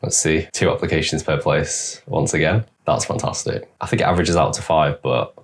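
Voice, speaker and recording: A young man hosting a reaction video, casually commenting on clips with sarcastic asides. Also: very deep voice. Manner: sarcastic, talks back at clips with quick asides.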